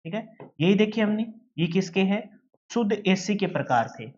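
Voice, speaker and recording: A man's voice: high voice, expressive, normal speed, a little mellow, muffled recording. A male teacher giving a lecture, who asks questions and answers them himself and calls his students "beta". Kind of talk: classroom lecture.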